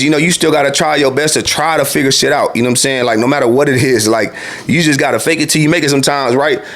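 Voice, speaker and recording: A former truck driver in his late twenties tells his own story in a loose, profane, casual monologue, constantly saying "you feel me." His voice is on the high side and somewhat bright.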